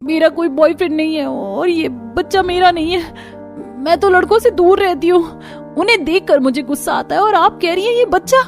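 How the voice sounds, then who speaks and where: A woman voicing a touchy young unmarried woman who takes offense quickly and talks in an indignant, raised voice. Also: high-pitched, big pitch swings, faint music behind, voice pushed up. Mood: angry.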